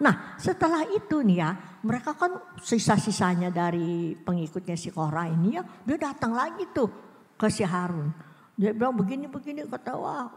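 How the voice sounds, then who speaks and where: A middle-aged woman teaching children a Bible story in a lively storytelling way, acting out the characters' lines. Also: big-room sound. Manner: lively storytelling, voicing characters' lines with big pitch swings. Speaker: Sunday school teacher.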